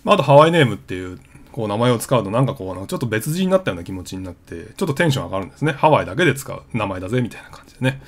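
A man hosts his travel vlog, explaining things in a chatty, conversational way full of fillers. His voice is on the low side, with big pitch swings, and he talks at a racing pace.

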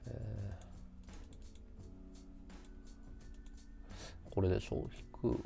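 A man's voice: mid-range voice, wildly swooping pitch, a little fast, a little mellow, faint music behind. A man chatting casually on his livestream, rambling and muttering to himself as he works out figures. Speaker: live streamer.

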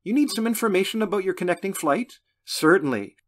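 A man voicing a polite, helpful female airport agent with a brisk customer-service manner. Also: high voice, expressive, voice pushed up.

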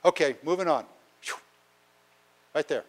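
A man's voice: a little high, unhurried. Older man at a town hall mic. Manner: plainspoken, exasperated, many uh fillers. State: getting a cold. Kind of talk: public town hall talk. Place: large council chamber with an audience. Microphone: handheld mic.

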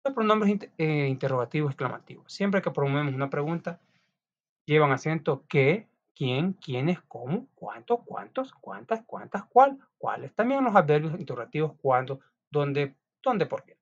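A man's voice: fairly high pitch, big pitch swings, moderate pace. A man teaching a class, reading out notes in a chatty way with frequent restarts and small asides. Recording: dull lo-fi recording.

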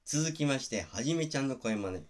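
Guy introducing his impressions, short plain lines, mid pitch. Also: expressive, fairly quick. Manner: plain, brief announcing.

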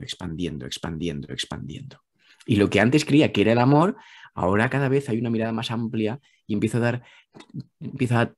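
Speaking in a medium-pitched voice with a Spanish accent from Spain, a male guest reflects calmly on spiritual themes. His talk leans on repeated phrases and rhetorical questions.

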